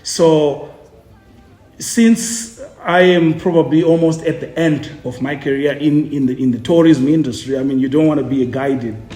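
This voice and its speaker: Chatty Zimbabwean tour guide, roomy sound. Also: male voice, a little high, steady tone, moderate pace, warm tone. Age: 40s. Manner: chatty, jokey, repeats words while searching. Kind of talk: casual interview. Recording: roomy echo.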